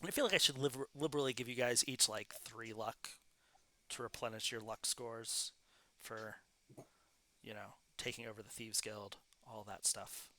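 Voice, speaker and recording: A man narrating as game master in a relaxed way, with many pauses and fillers. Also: medium pitch, a little hiss or hum. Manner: relaxed, lots of fillers and laughs.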